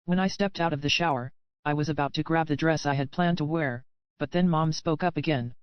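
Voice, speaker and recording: A woman narrating a romance audiobook in the first person, with even, steady storytelling in a dry, slightly muffled recording. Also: low voice, brisk, clean tone, no room sound.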